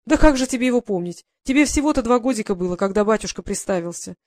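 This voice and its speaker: A woman reading an audiobook, voicing a fond, worried widowed baroness questioning her grown son in a gentle, motherly way. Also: fairly high pitch, animated, fast talker, no echo, studio quality, natural voice. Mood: tender.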